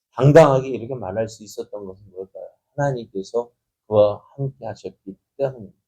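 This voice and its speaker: A man's voice: on the low side, dark tone, slightly rough, low-quality recording. A man preaching at an early morning church prayer service, asking his listeners rhetorical questions and then rising into sudden emphatic stresses. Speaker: pastor.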